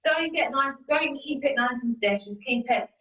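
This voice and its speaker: Bright and forceful in a high voice, a young woman leads a live home workout over a video call at a moderate pace, encouraging people and cueing every step. Her laptop or phone camera picks her up from a distance, so the sound is roomy.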